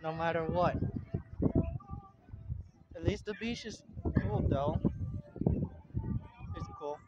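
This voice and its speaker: Heavy background noise surrounds this young Puerto Rican vlogger, whose voice is a little high. Holding his phone as he walks, he films a beach vlog in an outdoor beach park, moving in and out of a tent. He rambles in a relaxed, plain-spoken manner, captured in dull, lo-fi phone audio.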